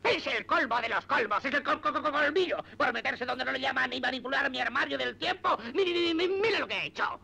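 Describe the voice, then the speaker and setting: Shrill, stammering mad scientist. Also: male voice, expressive, a little fast, gravelly, few pauses, sharp tone, exaggerated voice. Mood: indignant. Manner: stammers on long words, speaks in pompous jargon. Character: pompous, irascible little mad scientist inventor. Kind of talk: 1970s cartoon voice acting.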